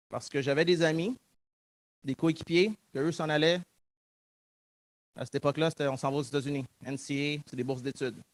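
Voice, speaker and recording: A man's voice: medium pitch, no echo. A man in his thirties from Montreal with a Québécois accent, giving a public talk and reflecting earnestly on his own story. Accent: Québécois French. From Montreal, Quebec. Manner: earnest, reflective, acts out remembered dialogue. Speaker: guest speaker.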